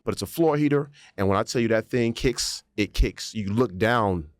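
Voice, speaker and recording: A man's voice: fairly low pitch, moderate pace, no room sound, clean studio sound. A man co-hosting a podcast, telling a story in a casual chat and acting out the voices and sounds in it. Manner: animated storyteller, acts out quotes and sound effects. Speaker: podcast co-host.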